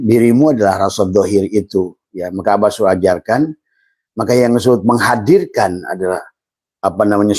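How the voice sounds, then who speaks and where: Halting, low-voiced male religious teacher. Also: a little mellow, no echo. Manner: slow, halting delivery with many fillers and repeated words; addresses listeners as friends, refers to himself in third person. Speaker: Islamic mysticism teacher. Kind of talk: informal religious lecture.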